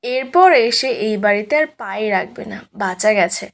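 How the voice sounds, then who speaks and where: A woman's voice: medium pitch, lively intonation, moderate pace, vocal fry. A woman voicing a scheming, sly grandmother in a spoken serial recap.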